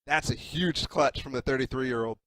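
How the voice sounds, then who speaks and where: A man's voice: mid-range voice, moderate pace, a bit bright, dry recording, rough recording. A man working as an esports caster, giving live analysis and explaining tactics.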